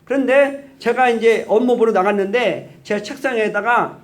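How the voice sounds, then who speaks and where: A man giving a church testimony, telling his story earnestly in slow, deliberate phrases and acting out the dialogue. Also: very high voice.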